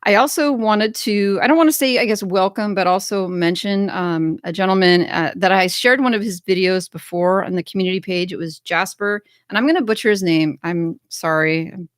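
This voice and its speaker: A woman's voice: medium pitch, normal speed, dry recording, clean studio sound. An American woman hosting a casual livestream, chatting upbeat and reading viewer comments aloud. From United States. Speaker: livestream host.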